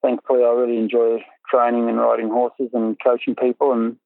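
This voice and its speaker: A man in his forties from the North Coast of New South Wales, a dressage rider and coach with an Australian accent, tells his story as a guest in a relaxed interview, rambling easily and saying um a lot. His mid-range voice is completely flat, a little fast and creaky, with no room sound. The line is tinny and phone-like, with faint music.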